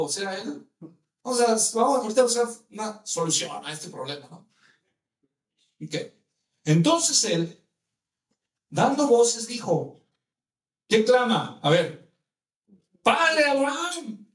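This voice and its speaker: Preacher with a high voice. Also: male voice, measured pace, long pauses, reverberant. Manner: animated, asks the listeners many rhetorical questions. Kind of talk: sermon.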